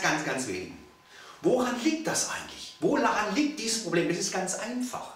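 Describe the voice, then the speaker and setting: Middle-aged personal trainer, fairly high voice, punchy and repetitive motivational delivery, echoey room, distant mic. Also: male voice. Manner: energetic, emphatic, repeats key phrases. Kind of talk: motivational talk to camera.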